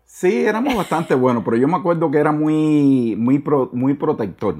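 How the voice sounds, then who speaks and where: A middle-aged man from Cuba with a Cuban Spanish accent, a guest in a casual interview, talking earnestly and often pausing to search for words. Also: on the high side, lively intonation, warm tone.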